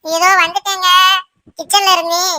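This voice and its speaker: A woman's voice: very high-pitched, little pitch movement, moderate pace, bright, forceful tone, dry recording, voice pushed up. A woman voicing a young cartoon wife who coaxes her husband sweetly and mixes in English words. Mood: coaxing. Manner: coaxing, sing-song, mixes in English words. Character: sweet-talking young wife, playful, flustered. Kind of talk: cartoon voice acting.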